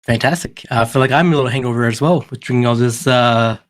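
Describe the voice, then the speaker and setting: A man hosting a relaxed podcast, his voice sitting at an ordinary middle pitch. He talks loosely and jokes around, tripping over a word here and there. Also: fast talker. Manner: loose and jokey, stumbling over words. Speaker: podcast host. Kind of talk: casual group chat.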